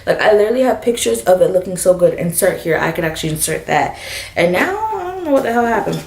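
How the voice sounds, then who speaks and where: A young woman vlogging about her hair in a quick, bubbly, self-aware and rambling way. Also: fairly low pitch, big pitch swings, creaky, a little mellow. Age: young adult. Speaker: beauty vlogger. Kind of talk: casual chatty vlog. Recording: roomy echo.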